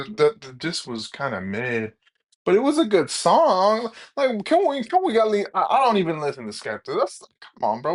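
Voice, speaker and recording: A man hosting a reaction video, rambling with halting restarts and blunt opinions. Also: medium pitch. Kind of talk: casual reaction commentary.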